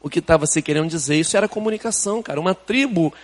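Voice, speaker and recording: An older Brazilian-accented pastor preaches in a chatty, down-to-earth way, tossing in rhetorical questions. His voice sits quite high for a man. The sound carries the long reverb of a church hall. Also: very fast. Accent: Brazilian Portuguese. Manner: conversational preaching, rhetorical questions, colloquial asides. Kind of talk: sermon. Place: church sanctuary.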